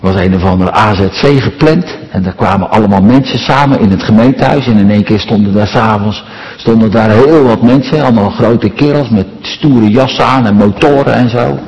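A man's voice: fairly low pitch, fairly quick, darkish tone, highs cut off. A middle-aged man from the Netherlands preaching a sermon, earnest and rhetorical, often tagging on questions. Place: church. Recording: long reverb of a large church.

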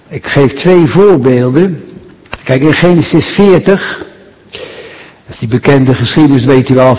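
A pastor preaching a sermon, speaking slowly and with emphasis and addressing the congregation directly. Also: male voice, medium pitch, a little mellow. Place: church. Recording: dull sound with long church reverb.

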